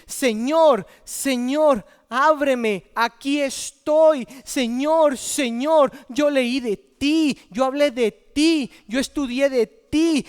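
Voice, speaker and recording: A man's voice: very high-pitched, clear, resonant tone, big-room sound, voice pushed up. A man voicing foolish young women who plead desperately at a locked door in a sermon. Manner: pleading, repeating the name over and over. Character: desperate foolish virgins begging at a shut door.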